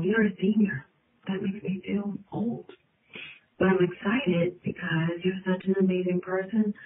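A woman records a heartfelt message, affectionate and full of cheers. The audio is thin and phone-like, as if it came through a cheap speaker. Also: medium pitch. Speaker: family member sending a recorded message.

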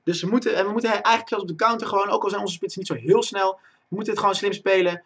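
A young male streamer talks through his football game live and chats with his viewers. His voice sits a little high and sounds husky, and he talks to a desk microphone. At chances he breaks into loud, excited shouting. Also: racing. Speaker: gaming streamer. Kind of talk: live gameplay commentary.

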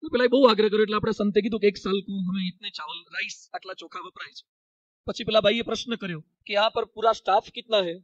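A high-pitched, fast-talking monk with a Gujarati accent preaches a sermon, animatedly acting out the dialogue of his stories. The recording is dry and muffled.

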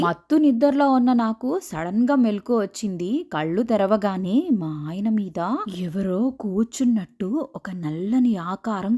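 A woman narrating a first-person horror story in a steady, even storytelling manner. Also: medium pitch.

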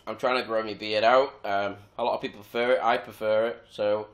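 A man's voice: lowish voice, fairly quick. Casual young man. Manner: relaxed, rambling, with fillers and restarts. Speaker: vlogger. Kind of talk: casual vlog chat.

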